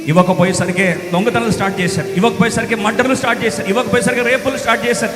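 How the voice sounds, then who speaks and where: A hardened, broken male prisoner, as a preacher puts him on, pleads in a high, swinging voice. He is heard in a roomy hall with long reverb. Loud music plays behind. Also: steady tone, racing, lightly acted. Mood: anguished.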